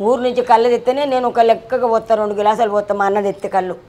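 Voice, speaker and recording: An older woman with a Telangana Telugu accent answers questions in a quick, playful way. Her voice sits high, and she often slips into old folk songs between her answers. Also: fairly even intonation, mellow. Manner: rapid, playful, breaks into folk song. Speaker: interviewee. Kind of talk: casual interview with singing.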